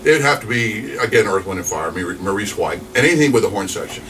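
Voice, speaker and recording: A man's voice: lowish voice, lively intonation, brisk, fairly bright tone. A man in his forties, a radio DJ from New Mexico, chatting casually in an interview with lots of fillers and restarts. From New Mexico, USA. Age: 40s. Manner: rambling, upbeat, chatty with many fillers. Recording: distant mic with noisy background.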